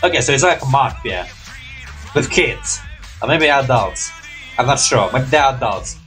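He's a young adult with a mid-range, bright-ish, expressive voice at a moderate pace, hosting a reaction video from a small room at home. His casual reactions to animations come in hesitant, rambling non-native English with habitual mild swearing, over faint background music.

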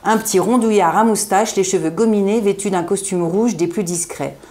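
A woman reading a humorous novel aloud at a book evening, with lively, expressive storytelling. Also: medium pitch, moderate pace, slight background noise. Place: event room in front of an audience.

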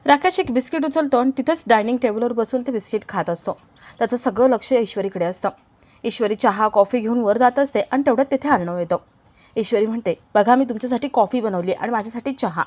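A woman retelling the plot of a family drama serial in scripted narration, speaking in a plain, steady way. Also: a little high, fast talker. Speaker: storyteller.

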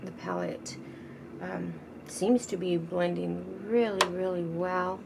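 Slow-talking woman chatting over makeup. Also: on the low side, expressive, vocal fry. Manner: chatty, rambling, often drops to a soft murmur. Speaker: beauty vlogger. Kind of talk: casual makeup tutorial chat. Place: home. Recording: noticeable background noise. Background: teenager gaming loudly in the background.

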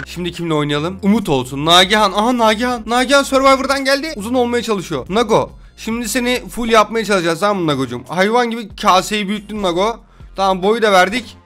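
A young man gives excited commentary on a mobile game into a desk mic. His high, bright voice leaps all over the place, breaking into shouts and laughs. Soft music plays in the background. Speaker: gaming YouTuber.

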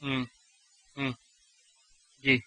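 A man's voice: mid-range voice, monotone, pushed and bright. A man giving a motivational lecture to a live audience, speaking rhetorically, putting questions to the listeners and acting out what parents say.

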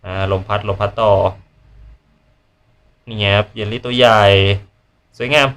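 A man chatting casually while live-streaming a game, politely greeting viewers and blurting quick repeated exclamations as he plays. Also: lowish voice, steady tone, a bit bright. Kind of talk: casual live gameplay chat.

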